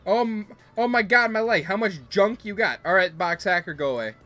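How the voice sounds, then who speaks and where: A man hosting a game livestream, chatting casually and bursting into playful mock-outraged yelling for his chat. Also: high voice, brisk, faint music behind. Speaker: gaming livestream host.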